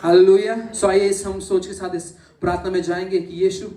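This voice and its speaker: A man's voice: high-pitched, flat delivery, fairly quick, warm tone. A man preaching a sermon who keeps asking the congregation questions, calls out hallelujah and mixes in English words. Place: church hall. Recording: echoey hall from far off.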